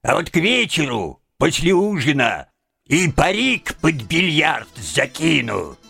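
A man reading a storybook voices a mischievous little house spirit that squeaks in falsetto and sometimes drops into a deep bass. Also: very animated, slow, creaky, bright, forceful tone, slightly rough, soft background music, exaggerated voice. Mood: parting.

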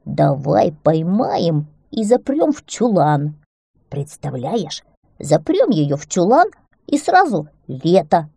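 A woman's voice: lowish voice, big pitch swings, slow pace, gravelly, warm tone, slightly rough, dry recording, studio quality, heavily acted. A woman voicing an eager young bear cub who explains his plan emphatically in a storybook tale.

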